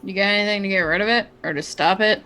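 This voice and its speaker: A woman's voice: medium pitch, fast, bright, forceful tone, faint music behind. A woman playing a tabletop game, asking the dungeon master questions and thinking her moves aloud. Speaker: player. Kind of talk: casual tabletop play.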